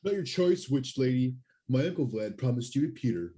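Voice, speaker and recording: A man's voice: mid-range voice, expressive, fairly quick, warm tone, close to an everyday voice. A man playing a big, dim, whiny henchman with a petulant, bullying manner in a sci-fi comedy spoof.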